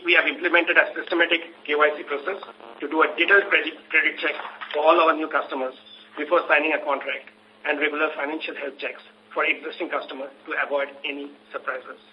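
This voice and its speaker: A man with an Indian accent formally and stiffly reading company results as an executive on a conference call. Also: a little high. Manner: stiff, formal read-out of figures. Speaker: company finance executive presenting quarterly results. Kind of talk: scripted earnings call presentation. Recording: muffled telephone conference line, faint noise.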